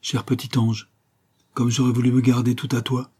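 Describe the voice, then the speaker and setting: A man voicing a soft-spoken, gentle young mother in an audiobook, tender and a little pleading. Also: low voice, normal speed, slightly rough. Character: gentle, sad young mother, the banker's daughter. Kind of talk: audiobook character reading.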